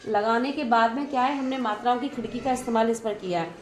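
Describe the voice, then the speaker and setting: A woman's voice: fairly high pitch, fast. A woman teacher giving a classroom lesson, patiently prompting her students with questions and praising their answers. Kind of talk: classroom lesson on Hindi vowel signs. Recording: echoey room with faint noise.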